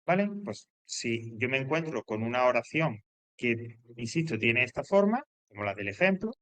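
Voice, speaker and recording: A man's voice: mid-range voice, lively intonation, normal speed, a bit bright, dry recording. A man teaching a grammar lesson, explaining with repetition and frequent check-ins with his students. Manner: loose, hesitant phrasing with fillers and restarts.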